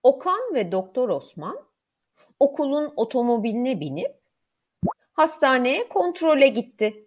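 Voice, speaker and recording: Woman teacher, storybook reading for first graders, high and bouncy delivery, unhurried. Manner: clear, expressive, deliberate. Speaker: primary school teacher. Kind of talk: storybook reading for young children.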